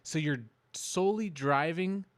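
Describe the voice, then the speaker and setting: A man's voice: fairly high pitch, measured pace, dry recording. A man co-hosting a podcast in easygoing casual banter, often chiming in with short replies. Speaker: podcast co-host.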